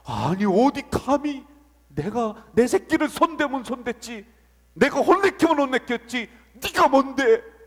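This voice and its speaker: A man voicing an angry, protective fatherly God who shouts threats at those who hurt his children. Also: extremely high pitch, big pitch swings, measured pace, voice pushed up, full character voice. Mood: furious. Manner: shouting threats, then holding back. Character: wrathful protective father God, male, fierce. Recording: long church hall reverb.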